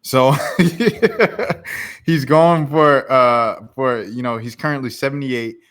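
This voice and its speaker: Taking things slowly, this young podcast host talks in a relaxed, chuckling manner, his slang-filled chat carried by a medium-pitched, fairly bright voice.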